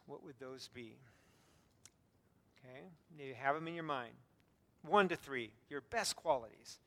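A male pastor delivers an earnest sermon, slipping in light self-deprecating humor and plenty of fillers and restarts, and he himself describes his voice as squeaky. He speaks a little slowly with a sharp tone, and a faint hiss or hum sits under the audio. A hall adds long reverb to the recording.

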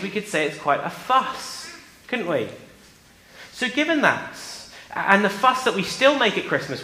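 A man's voice: sits high, pushed and bright, husky. A man preaching an interactive children's talk in church, speaking directly to the children in an encouraging, questioning manner.

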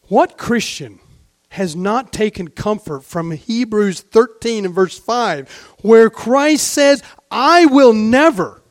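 A man with a notably high voice preaches a sermon in an unhurried, deliberate way. He talks fervently, asks rhetorical questions and drops to a hush before rising again. The sound is close and dry. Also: expressive, no room sound. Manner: fervent, rhetorical questions, swings between hushed and raised.

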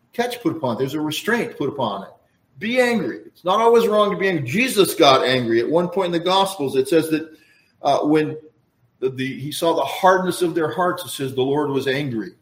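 A man's voice: fairly high pitch, animated, normal speed, roomy sound. A man preaching a sermon in a conversational, folksy way, full of asides and explanations. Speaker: pastor.

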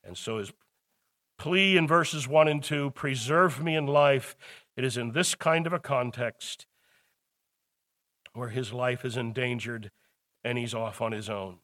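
A man's voice: medium pitch, unhurried, pauses often, fairly bright tone. A man teaching a Bible study lecture, explaining a psalm and retelling its story with quoted voices.

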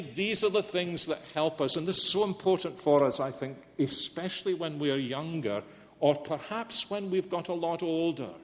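A man preaching a sermon earnestly and emphatically, often asking rhetorical questions. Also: fairly high pitch. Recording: long reverb in a hall.

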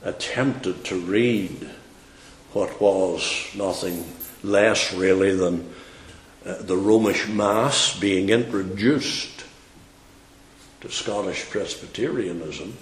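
A man's voice: sits low, slow pace, reverberant, slight background noise, low-quality recording. A man preaching a sermon, emphatic and fiery, whose voice rises in sudden outbursts.

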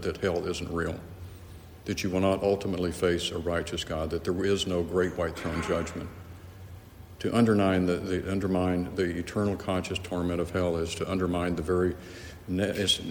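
A man's voice: sits low, slight background noise. A male pastor giving an earnest, emphatic expository Bible teaching, often repeating words as he restarts. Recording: echoey hall with faint ambience.

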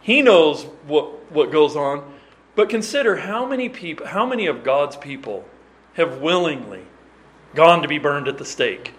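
Preaching a sermon, a man with a slightly high, fairly bright voice speaks in an animated but unhurried way. He is earnest and emphatic, reading scripture in old-fashioned wording and restarting and repeating words as he explains.

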